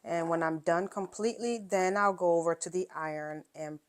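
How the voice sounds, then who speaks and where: A woman with a somewhat low voice talks through a quilting project step by step. Her delivery is loose and chatty, full of fillers and quick check-ins with the viewer. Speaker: quilting channel host. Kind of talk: casual sewing tutorial.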